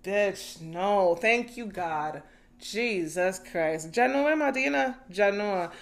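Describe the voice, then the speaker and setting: A woman in her thirties hosting a casual solo podcast, animated and profane, laughing often and turning to spiritual reflections. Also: medium pitch, slow pace, vocal fry. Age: 30s. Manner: spiritual, preachy asides. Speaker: podcast host.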